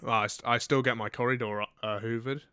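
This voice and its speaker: A young man co-hosts a comedic studio podcast, reading out odd news stories and undercutting them with sarcastic jokes. His voice is bright and crisp, and it sits close and dry on the mic. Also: mid-range voice, steady tone, a little fast, dry recording. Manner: joking, reads news items with sarcastic asides. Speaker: co-host. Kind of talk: comedic radio-style podcast banter. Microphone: studio microphone.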